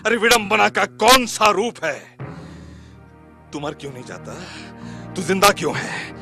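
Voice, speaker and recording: An actor delivering a grieving, outraged lament in a film, declaiming and rising to cries. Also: male voice, high voice, moderate pace, gravelly, pushed and bright, soft background music, full character voice. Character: grieving, outraged man lamenting human cruelty. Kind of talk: dramatic film monologue.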